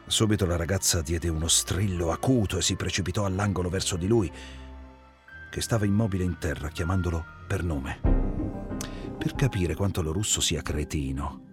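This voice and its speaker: A man giving a measured, expressive dramatic reading of a first-person story. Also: low voice, music in the background. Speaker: reader.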